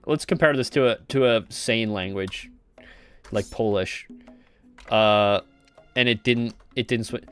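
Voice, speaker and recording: Slow-talking man coding on stream. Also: lowish voice, a bit bright, clean tone, soft background music. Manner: rambling and joking, with chuckles and trailing off; talks to viewers in chat. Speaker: game developer streaming his work. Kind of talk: casual live coding chat.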